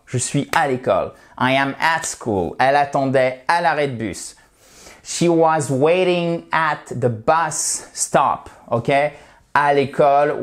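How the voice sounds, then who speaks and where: A man teaching English in an online video lesson, explaining patiently step by step and addressing viewers as dear friends. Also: mid-range voice.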